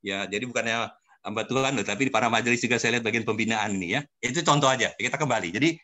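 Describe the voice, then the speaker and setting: A man's voice: mid-range voice, rapid-fire, sharp tone. An older man, a pastor, teaching a church study group and telling personal stories, often addressing listeners directly. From Indonesia. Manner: addresses listeners as "Saudara", storytelling.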